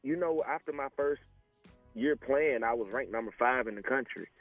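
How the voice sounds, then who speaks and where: Interviewed over a tinny phone line with faint music, a former pro football player in his forties from small-town Alabama tells his story casually in a Southern US accent, peppering it with "you know." He speaks at a moderate pace with medium pitch.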